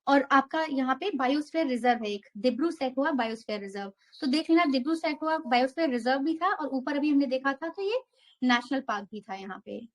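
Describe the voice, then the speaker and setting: A woman's voice: high voice, expressive, brisk. A young woman teaching an exam prep geography lesson, walking through a map step by step and mixing English terms into her Hindi.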